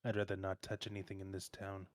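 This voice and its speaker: Smooth low-voiced man player. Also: completely flat delivery, fast talker, dry recording. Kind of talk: casual tabletop play.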